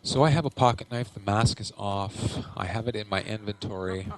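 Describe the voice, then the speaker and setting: A man's voice: lowish voice, normal speed, poor audio. A man hosting a gaming channel, giving dry, wry game commentary and keeping his voice down at night so as not to wake anyone. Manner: hushed, keeping quiet at night so a sleeper is not woken. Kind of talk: recorded game commentary over match highlights.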